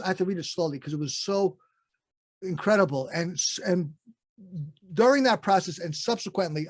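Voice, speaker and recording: Higher-pitched male podcast host, dry sound. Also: a little mellow, dry recording. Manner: candid, laughs while telling stories. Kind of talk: casual interview conversation. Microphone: video call.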